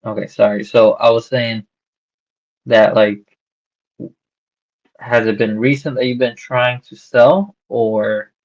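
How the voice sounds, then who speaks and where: Male wholesaler, gravelly voice, halting filler-laden phone pitch, dull lo-fi line. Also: steady tone. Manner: halting, filler-heavy, restarts sentences. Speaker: real estate wholesaler cold-calling a seller. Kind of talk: casual sales phone call. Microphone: phone call. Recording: dull lo-fi call recording.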